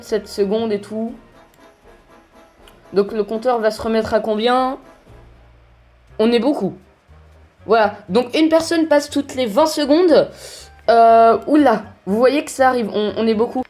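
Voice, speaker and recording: A woman giving casual gameplay commentary, chatty and hesitant, filling pauses with lots of fillers. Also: a little high, a little mellow.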